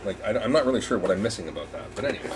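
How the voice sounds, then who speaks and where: An RV repair technician presents a casual hands-on tutorial, rambling and thinking out loud as he works. His voice is on the low side, animated and rapid-fire, over a noisy background.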